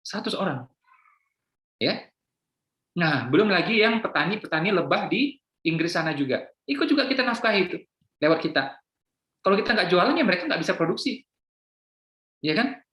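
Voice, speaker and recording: A man's voice: sits high, fairly bright tone. A man giving an informal religious talk to business partners, speaking conversationally and often asking rhetorical questions and checking with the audience. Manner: conversational, with frequent rhetorical questions and "ya kan?" tags. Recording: echoey room.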